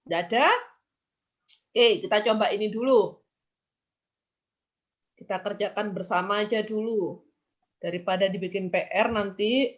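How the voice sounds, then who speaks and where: A woman's voice: medium pitch, steady tone, unhurried, long pauses. A woman teacher giving an online English lesson, asking and answering imagined student questions herself.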